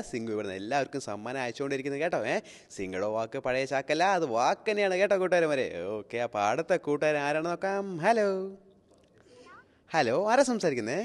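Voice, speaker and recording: A young man hosting a children's phone-in game show, calling the game with excited, sing-song, coaxing talk aimed at kids. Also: on the high side. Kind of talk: live game commentary for kids. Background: background music.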